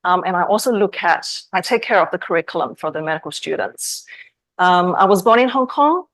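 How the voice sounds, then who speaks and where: A woman from Australia who teaches English, introducing herself on a panel in a relaxed, friendly way. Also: fairly low pitch, brisk, no echo.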